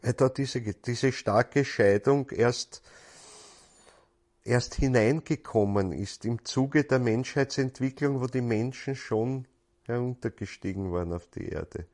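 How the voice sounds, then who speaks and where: A man's voice: mid-range voice, slow, a little mellow. A man gives a spiritual lecture in a thoughtful, searching way, often repeating words as he goes.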